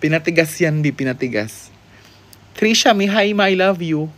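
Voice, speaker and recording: A man from the Philippines hosting a live-stream guessing game, playful and sassy, greeting viewers and teasing answers with sudden high exclamations. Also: lively intonation, moderate pace, a bit bright. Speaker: livestream host.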